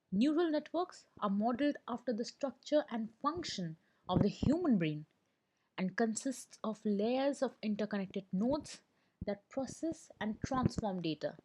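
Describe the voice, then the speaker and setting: A woman presenting an explainer lesson as scripted narration, in a steady, read-aloud delivery. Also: fairly high pitch, slight background noise.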